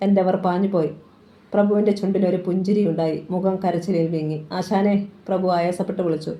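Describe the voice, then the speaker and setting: A woman's voice: on the low side, level tone, quick pace, warm tone, lo-fi sound. A woman reading a crime thriller novel aloud as scripted narration, with a dramatic delivery. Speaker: novel reader.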